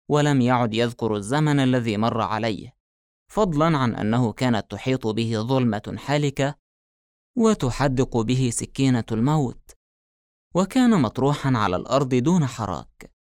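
A man narrating an audiobook in a measured, formal literary reading style. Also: mid-range voice, no echo, studio quality.

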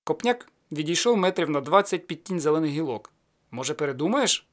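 A man reading an adventure tale aloud in steady storytelling narration. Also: a little fast. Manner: steady storytelling, lowers voice after quotes. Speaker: audiobook narrator. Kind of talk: scripted narration of a folk adventure.

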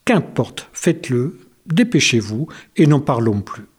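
A man's voice: mid-range voice, sing-song, a little slow, breathy edge. A man voicing a male wolf who has lost his teeth, groaning and fearful, in a storybook reading. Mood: impatient. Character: male wolf, toothless, anxious then tender.

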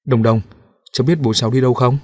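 A male audiobook narrator voicing a calm, kind police captain who speaks gently and in a measured way. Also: mid-range voice, natural voice. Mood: gentle.

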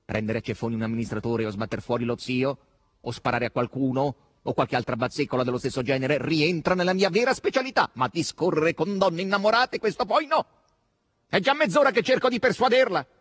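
A man's voice: medium pitch, flat delivery, fast, dry recording, studio quality, lightly acted. A man voicing a blunt, sardonic male demon henchman in an audiobook reading. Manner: sardonic, teasing, curt.

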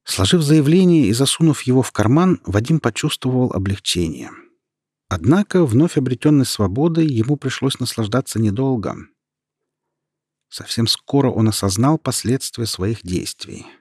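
A man narrates an audiobook in a steady, even way. His voice has a husky, breathy edge, and the sound is dry and close with no room around it. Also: medium pitch, normal speed, dry recording.

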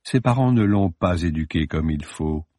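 A man reading the part of a calm woman companion who speaks in a dry, matter-of-fact way. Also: low voice, moderate pace, no room sound, pitched below the performer's own voice. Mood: dry amused.

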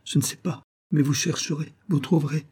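A man's voice: a little high, steady tone, brisk, darkish tone, slightly rough, voice pushed up. A man doing an anxious, pleading young woman. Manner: pleading, trembling.

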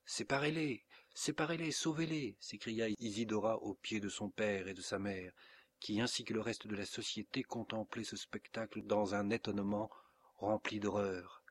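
A man reading a classic novel aloud as an audiobook, in steady, measured narration. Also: fairly low pitch. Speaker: audiobook reader.

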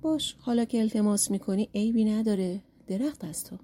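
A woman voicing a sly, glib bald young man who tricks people, read in a storybook with a dark, husky voice. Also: medium pitch, lightly acted. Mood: scheming. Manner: cheeky, glib, scheming. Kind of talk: storybook narration.

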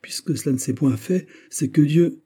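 A man's voice: fairly high pitch, animated, moderate pace, dark tone, slightly rough, pitched above the performer's own voice. A man voicing a harsh, scheming abbé who speaks sharply and brusquely. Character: scheming, harsh male abbé, the minister's brother.

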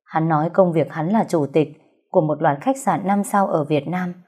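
Female storyteller, steady reading, low pitch, soft dark tone. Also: moderate pace, breathy edge. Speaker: audiobook narrator. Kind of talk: storytelling narration.

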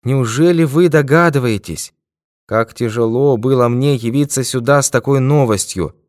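A man reading an audiobook, voicing a hoarse, blustering male villain who raises his voice in indignation. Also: medium pitch, normal speed, darkish tone, no room sound, clean studio sound, voice pushed up, lightly acted.

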